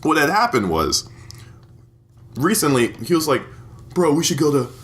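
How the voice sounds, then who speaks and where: A man's voice: a little high, sing-song, normal speed, a bit bright. A man in his twenties co-hosting a podcast, telling crude stories in a rambling, casual way and laughing often. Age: 20s. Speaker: podcast co-host. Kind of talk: casual chat.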